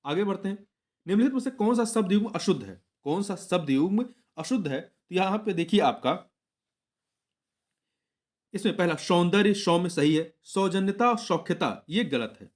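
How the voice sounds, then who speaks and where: Going question by question through a test, a young man explains Hindi answers for exam prep. His voice sits high and is expressive, moving at a normal speed, and he patiently repeats every answer while sometimes correcting himself mid-word.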